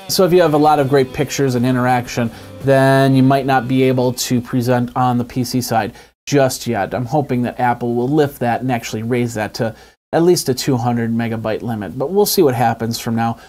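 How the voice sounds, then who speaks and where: A man with a mid-range, somewhat dark voice hosts an app review web show, walking viewers through an app tutorial step by step in a casual, conversational, informal way. He's recording on a lapel mic in a small indoor home studio.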